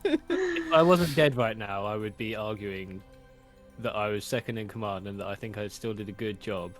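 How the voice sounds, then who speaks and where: Guy player w a lowish voice, dry jokey delivery, faint music in the back. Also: very animated, moderate pace. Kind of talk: casual chat.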